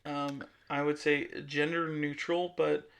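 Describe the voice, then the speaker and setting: Young man, casual podcast chat, rambling with fillers, gravelly, bright voice. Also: a little high, slow pace. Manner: rambling, relaxed, many fillers and restarts. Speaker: podcast co-host.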